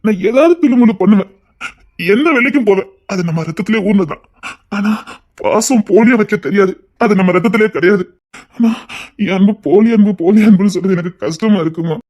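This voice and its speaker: An actor playing a middle-aged uncle in a TV serial, tender and pleading, who keeps repeating endearments. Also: male voice, high voice, brisk, darkish tone, muffled recording. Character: doting, guilt-ridden middle-aged uncle. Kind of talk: TV serial acting.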